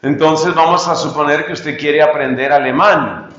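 A man giving a retreat teaching talk, speaking slowly and deliberately, repeating phrases and acting out pronunciations as he teaches. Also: on the high side, steady tone, a bit bright. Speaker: preacher at a lay retreat. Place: retreat meeting room. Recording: echoey room, dull lo-fi sound.

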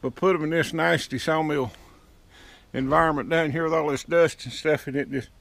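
This sawmill owner has a fairly high, steady, creaky voice with some brightness, speaking at a normal pace. He casually walks around his outdoor sawmill yard, talking in a folksy rural dialect full of double negatives into a head-mounted action camera.

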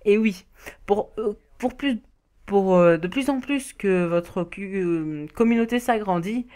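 A woman's voice: mid-range voice, takes it slowly, mellow. A woman giving casual beginner tips as a voice-over, reading from notes, often stumbling, restarting and laughing at her own slips. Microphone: home recording mic.

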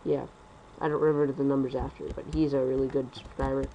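A young man rambling through casual gameplay commentary at home on a computer mic, talking fast and correcting himself. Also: mid-range voice, little pitch movement, warm tone, a little hiss or hum, poor audio. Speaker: gaming commentator.

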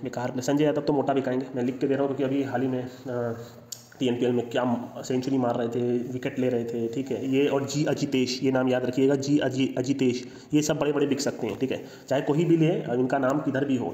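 Fast, opinionated man in an echoey room. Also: medium pitch, dark tone. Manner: opinionated, confident predictions; mixes in English phrases. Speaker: cricket analyst. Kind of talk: casual commentary over slides. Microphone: voice-over, no speaker seen. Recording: echoey, dull lo-fi room sound.

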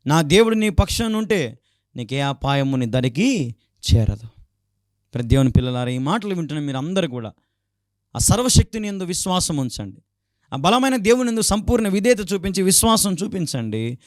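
A man's voice: on the high side, sing-song, normal speed, a little mellow, no echo, clean studio sound. A male pastor with a Telugu accent preaching a sermon, who acts out quarrels in raised voices and often calls out hallelujah. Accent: Telugu, Andhra Pradesh. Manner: fervent exclamations of hallelujah.

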